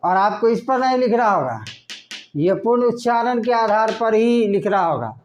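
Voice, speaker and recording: A man teaching a lesson in a slow classroom style, asking questions and then answering them himself. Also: high voice, expressive, muffled recording, a little hiss or hum. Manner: asks questions and answers them himself, repeating words slowly.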